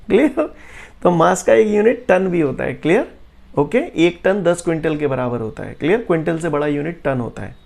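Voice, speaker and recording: Young man as physics teacher. Gravelly, a little high-pitched, teasing and playful, swings between low explaining and loud excited jokes. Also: fairly quick. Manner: jokey, keeps asking "clear?" and "bolo bhaiya". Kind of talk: classroom lecture.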